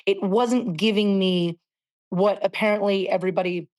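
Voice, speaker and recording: A woman's voice: medium pitch, normal speed, darkish tone. Reflective woman in her forties. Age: 40s. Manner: reflective, searching for words. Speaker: guest singer. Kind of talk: candid interview talk.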